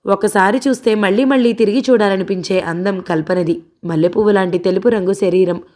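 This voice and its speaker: A woman narrating a novel in a steady, expressive storytelling voice. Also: medium pitch, brisk. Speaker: audiobook narrator.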